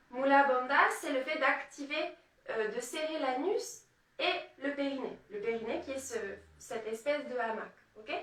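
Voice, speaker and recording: A woman leading a live yoga class, guiding breathing and counting the movements calmly. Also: sits high. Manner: calm, guiding, counts aloud and checks in with "ok?". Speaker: yoga teacher. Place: room, indoors. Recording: echoey room, voice from far off.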